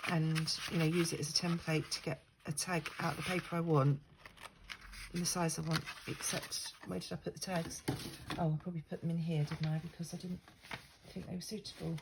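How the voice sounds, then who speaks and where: A fairly low-pitched older woman, stuffed up from a lingering cold, chats in a rambling, self-deprecating way during a casual crafting tutorial. She sits at an indoor craft table under an overhead camera aimed at her craft mat. Background noise comes through.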